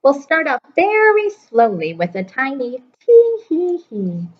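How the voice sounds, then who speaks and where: A woman's voice: high-pitched, huge pitch swings, slow pace, muffled recording, pitched above the performer's own voice, heavily acted. A woman voicing a cheerful, determined male court jester in a rhyming storybook, in a near-natural voice. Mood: earnest. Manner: rhyming storybook speech, earnest.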